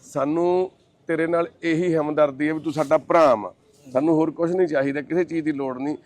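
Reassuring man, fairly high voice. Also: steady tone, brisk, dry recording. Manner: warm, consoling and reassuring; earnest and pleading. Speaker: host helping a troubled man. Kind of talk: casual talk, then address to camera.

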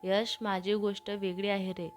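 A woman's voice: medium pitch, flat delivery, unhurried, faint music behind, natural voice. A woman voicing a young man who teasingly coaxes his younger brother out of bed in a storybook reading. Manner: teasing, coaxing.

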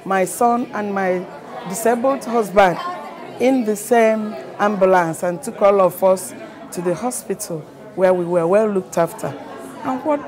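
A middle-aged woman from London speaks in an earnest, measured way as a carer. She is recorded on a lapel mic in a large hall, with crowd chatter behind her. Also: medium pitch. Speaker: family carer. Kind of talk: vox pop interview. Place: large busy conference hall.

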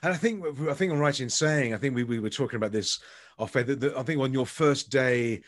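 A man's voice: mid-range voice, fairly quick. A middle-aged man hosting a podcast over a video call, rambling and repeating words as he starts his sentences. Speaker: podcast host. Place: home office with bookshelves.

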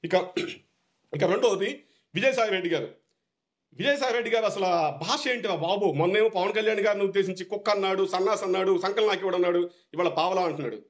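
A man's voice: high voice, fast talker. A man with a Telugu accent, a political party supporter, giving a heated, repetitive, scolding rant.

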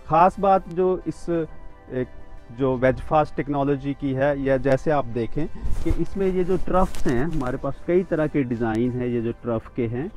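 A man in his fifties walks the camera through a rooftop vegetable garden outdoors, explaining each plant plainly and steadily, with small restarts. His medium-pitched voice is a little mellow, and the recording is rough.

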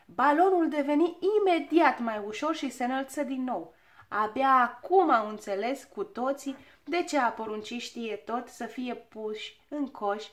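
Brief: woman narrator, high voice, expressive children's audiobook reading. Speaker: storyteller.

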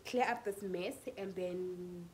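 A woman's voice: fairly low pitch, takes it slowly, darkish tone, a little hiss or hum, low-quality recording. A South African woman in her twenties, vlogging casually at home with a stuffy, fluey voice, talking to a phone camera held at arm's length. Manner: chatty, mixing in Setswana phrases. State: congested with flu. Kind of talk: casual vlog chat. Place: home living room and bedroom.

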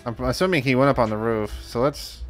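A man commenting casually while he plays a game on a live stream. He gets excited easily, laughs often and swears casually. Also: mid-range voice, a little fast, soft background music.

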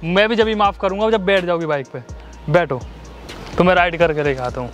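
A man's voice: high-pitched, brisk, muffled recording, loud music behind the voice. A young man staging a street prank, arguing with a woman and then coaxing her into a ride. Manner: argumentative, pleading then coaxing. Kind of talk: staged street prank argument.

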